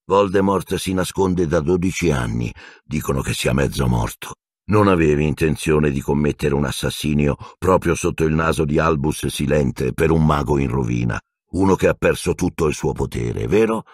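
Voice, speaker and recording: A man's voice: rumbling low, breathy edge, no room sound, studio quality. A man voicing a bitter escaped prisoner wizard who speaks in a cold, growling, venomous way. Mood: cold menace. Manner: cold, accusing, slow menace.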